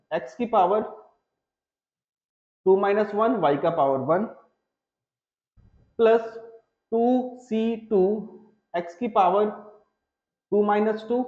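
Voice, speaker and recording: Guy from india teaching math in a coaching class, slow careful steps, roomy echo, kinda dull sound. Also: high voice, darkish tone. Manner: talks through steps while writing, pauses on each term; reassuring, checks in with "theek hai". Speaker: mathematics teacher. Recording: echoey room, slightly dull sound.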